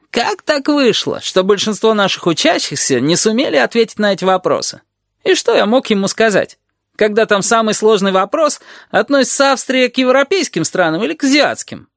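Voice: mid-range voice, vocal fry, no room sound, studio quality, voice pushed up. A reader doing a sardonic, grumbling teacher. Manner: grumbling, increasingly heated. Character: gloomy, sardonic male teacher called the lizard. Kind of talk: audiobook character voice.

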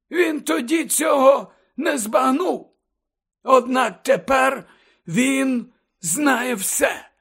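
A man voicing an elderly wizard headmaster who lectures urgently and emphatically, often close to shouting, in an audiobook reading. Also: very high-pitched, creaky, breathy edge, pitched above the performer's own voice, full character voice. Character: elderly male wizard headmaster, fervent and impassioned.

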